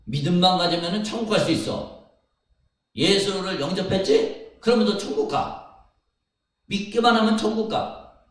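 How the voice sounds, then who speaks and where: Preacher putting on an earnest Jesus voice, raised and pleading, very echoey church room, mic distant. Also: male voice, sits high, normal speed, long pauses, voice pushed up, close to an everyday voice. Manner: emphatic, repeats short phrases. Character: imagined Jesus speaking, adult man, pleading and earnest.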